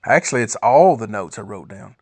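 A man's voice: on the low side, lively intonation, brisk, darkish tone, breathy edge, no room sound. A man giving an earnest, informal devotional talk, rambling and correcting himself as he shares his notes. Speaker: podcast host sharing devotional notes.

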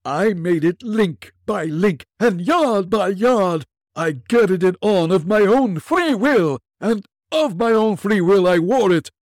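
Storybook ghost of an old businessman, high, slow and wailing, heavy with regret. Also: lively intonation, darkish tone, no echo, clean studio sound. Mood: solemn, grave. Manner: slow, mournful, booming declamation. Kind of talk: storybook reading.

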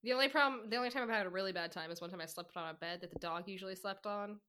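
A woman's voice: medium pitch, very fast, bright, forceful tone, clear, resonant tone. A young woman in casual chat with a friend, chatty and rambling through anecdotes.

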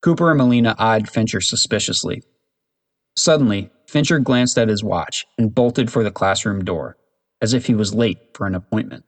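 A man narrating a storybook chapter in a steady, even reading voice. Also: lowish voice, normal speed.

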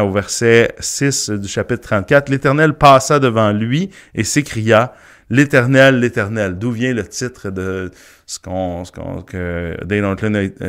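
A man's voice: medium pitch, smooth. A man giving a morning Bible teaching, talking it through with many fillers and restarts. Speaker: pastor.

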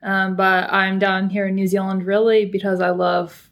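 A young woman from California, United States, a PhD student, chats casually as a podcast guest in an interview. Her medium-pitched voice is a bit bright with a flat delivery at moderate pace, and she rambles with many fillers and restarts.

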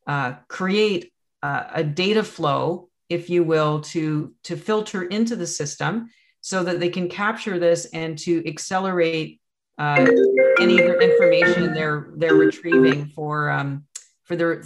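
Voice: mid-range voice, gravelly. Interview host asking long, winding questions.

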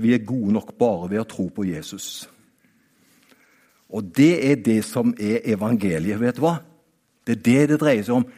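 Man, preacher, husky, middle pitch, emphatic peaks, quiet asides. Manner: animated, talks straight to the listener with repeated "vet du hva?"; swings between raised, emphatic peaks and quiet, low-voiced asides. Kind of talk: sermon.

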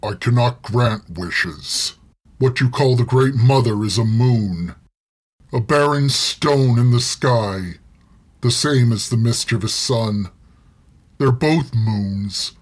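A man voicing a huge ancient male dragon who speaks in a deep, slow, measured rumble. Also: breathy edge. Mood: grave.

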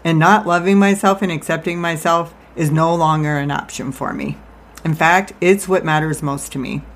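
A woman's voice: sits low, fairly even intonation, moderate pace. A woman life coach giving an informal, confessional personal monologue, talking out of one side of her mouth with a self-deprecating manner. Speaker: life coach and podcast host.

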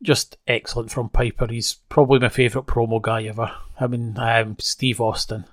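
A man's voice: medium pitch, little pitch movement, moderate pace, a bit bright, no room sound, studio quality. A man casually recapping an old wrestling broadcast, conversational with wry asides. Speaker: wrestling show reviewer.

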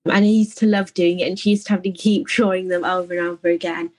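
A young woman from England, an artist answering interview questions in a soft, reflective way, often saying "like" and "I think". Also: on the low side, fairly even intonation, fast talker, dry recording.

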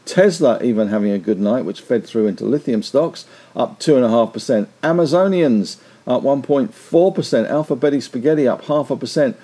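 A man hosting a market podcast, delivering rapid market news with figures in a chatty, wry way. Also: medium pitch, animated, mellow.

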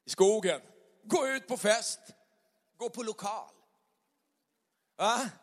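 A man preaching a conversational sermon, chatty and full of acted-out little dialogues. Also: high-pitched. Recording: long hall reverb.

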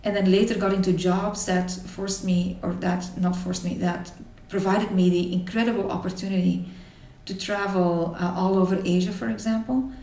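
A woman in her forties from Belgium, telling her life story to an interviewer in a thoughtful way, with many pauses and restarts. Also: medium pitch, flat delivery, warm tone, reverberant, distant mic. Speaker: interview guest. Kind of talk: reflective personal storytelling.

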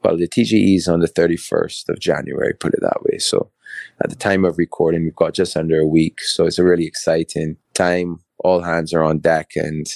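A middle-aged man from Barbados, a podcast guest explaining his work in fluent, measured sentences. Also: low-pitched, fairly even intonation, gravelly, a little mellow, no room sound. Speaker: guest, crypto co-founder. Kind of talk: podcast interview.

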